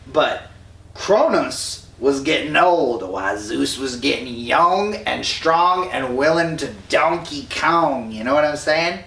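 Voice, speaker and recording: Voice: mid-range voice, expressive, slow pace, fairly bright tone. Tipsy rambling slangy storyteller. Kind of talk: drunken comic myth retelling. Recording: roomy echo, distant mic.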